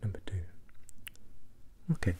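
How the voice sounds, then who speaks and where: An ASMR performer does a whispered role-play of mock eye tests, repeating instructions and questions while moving between a whisper and a soft, low voice. He speaks unhurriedly, with a little hiss or hum in the audio.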